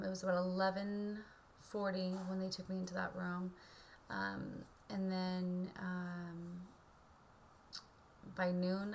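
A woman in her thirties talking casually and haltingly in a subdued way, as in a video diary recorded at home on a webcam. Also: fairly low pitch, vocal fry, slight background noise. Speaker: vlogger. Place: indoor room at home. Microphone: webcam or laptop mic at arm's length.

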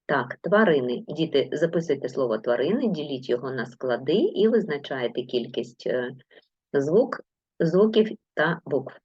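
A woman's voice: sits low, expressive, moderate pace, dark tone, breathy edge, no echo, lo-fi sound. A woman teacher giving a video lesson to young pupils, patient and encouraging as she gives instructions. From Ukraine. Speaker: primary school teacher.

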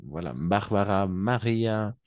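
A man teaching French to a class, patient, repeating each word slowly and often praising his students. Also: lowish voice, animated, a little mellow, no room sound, dull audio. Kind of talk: online class instruction.

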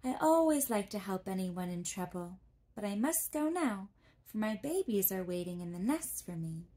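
A woman voicing a kind, helpful mother stork in a softly spoken, whispered role-play storybook reading. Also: mid-range voice, sing-song, normal speed, natural voice. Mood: kindly. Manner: gentle, soft-spoken.

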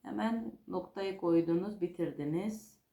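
A woman's voice: lowish voice, unhurried, vocal fry, mellow. Woman fortune teller in an echoey room. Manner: hesitant, repetitive, explaining as she goes. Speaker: fortune teller reading playing cards. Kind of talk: fortune-telling card reading, informal and unscripted. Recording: roomy, echoing home-style recording.

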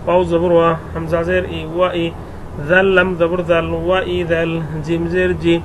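A man's voice: fairly high pitch, monotone, a little hiss or hum, rough recording. Man drilling Quran reading syllable by syllable. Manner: slow, syllable-by-syllable recitation drill. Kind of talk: spelling out Arabic letters and vowel marks in a lesson.

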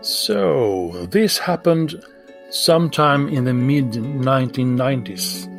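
A man from Sweden with a Swedish accent, calmly telling his own story in a recorded voice message. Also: mid-range voice, slow, vocal fry, faint music behind. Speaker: listener sharing a story.

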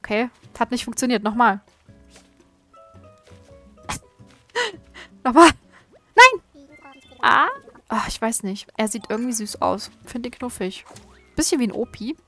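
Woman, chatty gameplay commentary, talks back to game characters, giggles a lot, pitch a touch high. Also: fairly even intonation, a little fast, soft background music. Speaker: gaming YouTuber.

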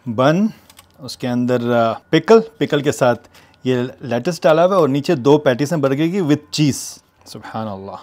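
The vlogger is a man in his thirties with a mid-range, darkish voice who sounds animated yet speaks a little slowly. In his casual food vlog he walks through a mall food court, then moves to a hotel room, staying chatty and enthusiastic and mixing in English phrases.

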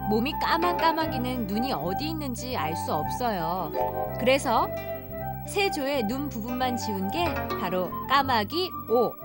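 High-voiced woman storybook narrator. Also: sing-song, measured pace, loud music behind the voice. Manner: gentle storytelling for children.

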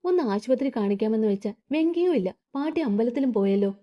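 A woman's voice: fairly high pitch, expressive, quick pace, natural voice. Caring older woman read by a woman, anxious and tender, muffled sound. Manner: fussing, tender.

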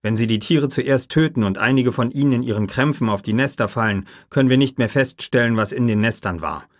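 A man reading an audiobook plays a steady, determined male scientist in a firm, matter-of-fact manner. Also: medium pitch, brisk, dry recording, highs cut off, pitched above the performer's own voice, close to an everyday voice. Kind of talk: audiobook character voice.

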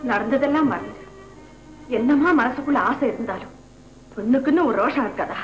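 A woman's voice: sits high, lively intonation, fairly quick, muffled recording, soft background music. A woman acting a mother who chides and teases her proud son, in an old film style. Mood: chiding. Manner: chiding, teasing. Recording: roomy old film soundtrack.

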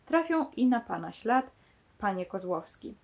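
A clever young heroine who lays out her suspicions piece by piece, read aloud by a woman. This is a novel read-aloud at a medium pitch, with only light voicing. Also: very animated, a little slow, vocal fry, a little mellow, full character voice. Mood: accusing. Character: sharp young woman unmasking a crook.

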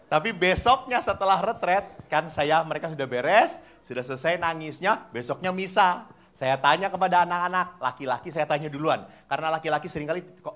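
Lively priest preaching. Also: male voice, fairly high pitch. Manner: animated storyteller acting out voices and asking the audience questions. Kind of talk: lively sermon to a live congregation.

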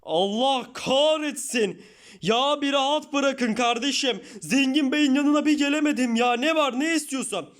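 A man playing a grumbling, short-tempered young newcomer with a very high, squeaky voice. He complains constantly and sighs in irritation. A Minecraft parody character. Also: unhurried, fairly bright tone. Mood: fed up.

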